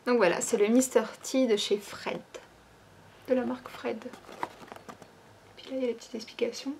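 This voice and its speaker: A woman's voice: fairly high pitch, steady tone, normal speed, gravelly, darkish tone, slight background noise. Chatty woman showing off shop products. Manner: chatty, many fillers like "ben" and "euh". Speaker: online shop owner presenting new products. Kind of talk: casual product presentation.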